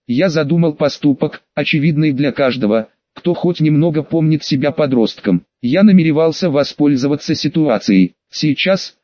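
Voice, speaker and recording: Guy narrating an audiobook, wry and chatty, bit higher voice, dull dry lo-fi sound. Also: no room sound. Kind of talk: first-person audiobook narration.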